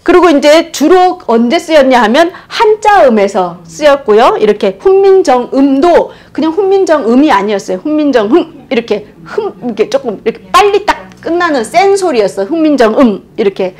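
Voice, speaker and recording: A woman giving an animated history lecture, demonstrating old pronunciations aloud and laughing often. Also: high voice, moderate pace, few pauses. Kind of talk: explanatory lecture.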